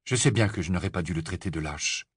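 A man's voice: low voice, quick pace, husky, no echo, studio quality. Man doing a furious teenage wizard boy. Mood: apologetic. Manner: sharp, accusing and forceful. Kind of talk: audiobook character voice.

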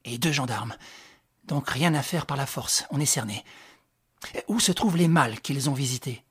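A reader with a husky voice voicing a young gentleman who gives firm, clipped orders in an audiobook. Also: mid-range voice, normal speed. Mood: commanding. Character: young gentleman, calm and commanding.

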